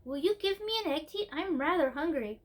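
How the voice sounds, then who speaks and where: A woman's voice: high voice, lively intonation, a little fast, pitched above the performer's own voice. A woman voicing a curious, chatty little princess girl in a storybook, asking things in an eager, childlike way. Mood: eager, delighted.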